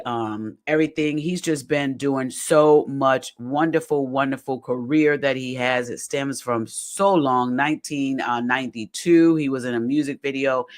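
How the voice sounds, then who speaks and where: A podcast host giving casual commentary while reading aloud from a web page, chatty and folksy, often stumbling over the words. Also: mid-range voice.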